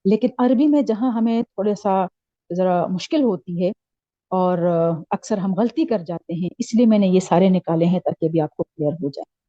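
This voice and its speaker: A woman with a Pakistani Urdu accent, teaching a Quran lesson patiently, often checking that her listeners follow and drawing out each letter slowly. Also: fairly low pitch, warm tone, no echo. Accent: Urdu-speaking Pakistani. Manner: slow drawn-out letter recitation. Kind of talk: classroom lesson. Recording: dull lo-fi sound.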